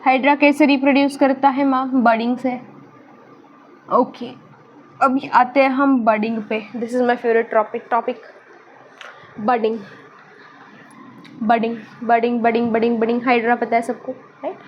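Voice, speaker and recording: A young woman with a high, light voice teaches biology in a chatty, mixed Hindi-English style. She poses questions and answers them herself, pokes fun at her own drawing, and a faint hum sits under the recording. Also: little pitch movement, a little slow, highs cut off. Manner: self-mocking about her drawing. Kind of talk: casual online lesson.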